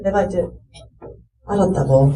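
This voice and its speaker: A middle-aged woman tells a church testimony in an animated storytelling manner, acting out the people in it and rising to fervent pleading. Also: lowish voice, unhurried, echoey room, far from the mic, faint music behind, poor audio. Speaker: speaker giving a church testimony.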